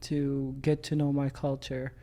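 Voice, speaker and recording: A young man from Ethiopia, a podcast guest, calmly telling his story with many pauses and fillers. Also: medium pitch. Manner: calm, storytelling with many uhs. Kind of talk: casual interview storytelling.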